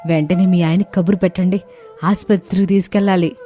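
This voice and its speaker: A woman's voice: on the low side, fairly even intonation, a little fast, mellow, faint music behind, natural voice. A woman voicing a caring, outspoken neighbor who speaks urgently and firmly in a storybook tale.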